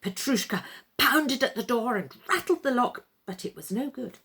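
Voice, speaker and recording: With dramatic, expressive narration, a woman tells a children's tale, shaping her phrases deliberately and pausing as she goes. Her pitch is a little high.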